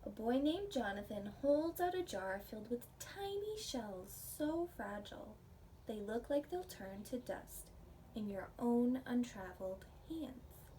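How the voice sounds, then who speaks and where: An American woman, a pre-K teacher, reading a picture book aloud and explaining it simply to young children in a gentle, child-directed way. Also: fairly high pitch, animated, a little slow. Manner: gentle, child-directed, asks the listeners questions. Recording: distant mic, faint background noise.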